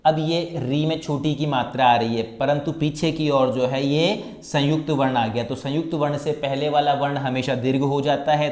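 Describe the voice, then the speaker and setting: Rajasthani man teaching in an echoey room. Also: mid-range voice. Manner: counts syllables aloud slowly, chants verses drawn out. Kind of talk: classroom lesson on Sanskrit meter.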